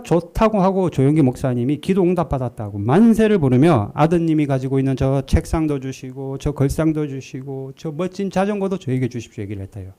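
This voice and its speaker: A male pastor preaching a sermon, telling a story with lively delivery and acting out the quotes. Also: medium pitch. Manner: animated storytelling, acts out quotes.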